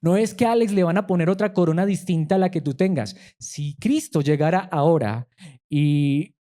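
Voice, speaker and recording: A man's voice: fairly high pitch, moderate pace, dark tone. Emphatic man preaching a sermon. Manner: emphatic preaching with rhetorical questions. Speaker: pastor.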